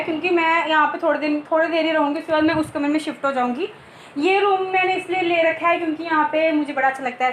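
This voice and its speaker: Young woman vlogger, high voice, chatty tour of her home, echoey room. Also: fairly bright tone, slight background noise. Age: young adult. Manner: chatty, joking, addresses viewers directly. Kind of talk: casual home tour chat. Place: rooms of a home, indoors.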